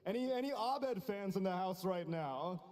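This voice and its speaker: A man's voice: high-pitched, lively intonation, moderate pace, noisy background. A man hosting live esports, jokingly rousing the crowd into chants. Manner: playful, jokey crowd-rousing. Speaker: esports host working the crowd. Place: convention center stage. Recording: large hall reverb with crowd.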